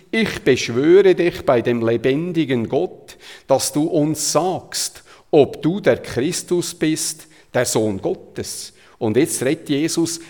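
A man from Zurich, Switzerland, with a Zurich Swiss German accent, delivers a sermon retelling Bible passages in a conversational yet emphatic style. His voice is a little high with a darkish tone, and long hall reverb fills the recording.

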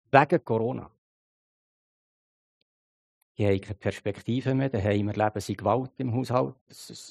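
A man's voice: mid-range voice, creaky, dark tone. A middle-aged man preaching a sermon with a Swiss German accent, in a conversational way that keeps asking the listeners to agree. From Switzerland.

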